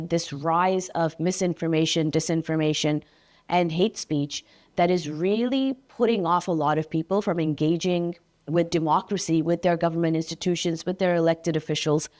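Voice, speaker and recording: A woman candidate gives interview answers in a fairly low voice. She sounds measured and earnest, and she is trying to persuade. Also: darkish tone. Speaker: election candidate being interviewed.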